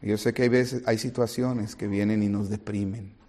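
Preaching with a lowish male voice at a moderate pace, a pastor speaks right to his congregation. He is animated and acts out little scenes.

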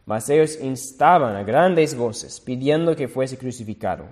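A man preaching a sermon, reading scripture aloud slowly and deliberately, now and then correcting himself. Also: medium pitch, lively intonation, a little mellow, long reverb tail.

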